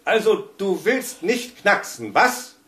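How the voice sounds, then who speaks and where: Guy doing a frazzled neighbor, voice cranked up high and loud, really rattled. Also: lively intonation, a little slow, reverberant, noisy background. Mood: exasperated shouting. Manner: shouting, agitated, later pleading. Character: irritable middle-aged male neighbor, nervous, quick to shout. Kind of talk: audiobook reading.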